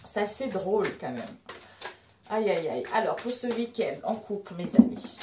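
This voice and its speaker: Une femme à l'africain francophone qui fait un tirage de tarot en direct, bavarde et animée, s'adressant à ses amis spectateurs. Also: female voice, mid-range voice, moderate pace, reverberant, recorded from a distance, heavy background noise. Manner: animated, laughs often, addresses viewers as friends. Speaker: tarot card reader. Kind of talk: live tarot reading chat.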